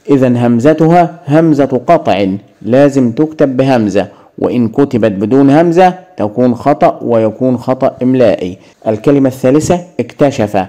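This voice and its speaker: A man's voice: medium pitch, warm tone. A man teaching an Arabic grammar lesson in an Egyptian accent, asking questions and answering them himself.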